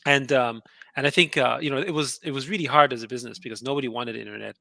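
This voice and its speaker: This guest entrepreneur, a middle-aged Austrian whose mother tongue is German, talks fast and casually about his story in an interview. Chatty and quick to laugh, he leans on fillers and restarts, his mid-range voice showing vocal fry and a pushed, bright quality on a dry recording.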